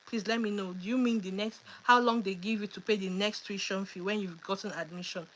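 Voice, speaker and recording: A woman's voice: mid-range voice, a little fast, a little hiss or hum, low-quality recording. Chatty woman hosting a livestream. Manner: chatty, reads viewer questions aloud; animated, emphatic, teasing asides. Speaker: livestream host. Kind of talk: casual livestream Q&A.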